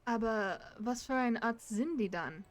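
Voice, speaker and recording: Woman, let's play host, giggly, chatty, slightly high voice. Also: animated, a little slow. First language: German. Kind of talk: gaming let's play, reading dialogue aloud.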